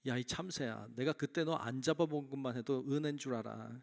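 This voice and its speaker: A man's voice: medium pitch, fairly quick, gravelly, long reverb tail, lightly acted. A male preacher voicing an ungrateful lion, king of the forest, who turns irritable and dismissive. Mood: irritated.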